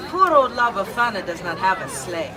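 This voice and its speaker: Outdoors in a public city space, a woman plays a kindly old Italian witch who brings gifts, using a put-on Italian accent to coax and tease children with questions as she tells a live story. Her natural, medium-pitched voice has a sing-song lilt at an ordinary pace. The recording is distant, with a crowd audible.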